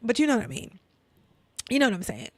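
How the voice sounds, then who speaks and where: A woman with a Brooklyn accent giving a casual inspirational talk, asking rhetorical questions and checking in with "right?" and "you know", sometimes dropping to a soft near-whisper. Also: fairly high pitch, big pitch swings, quick pace, dry recording. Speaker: faith and lifestyle speaker.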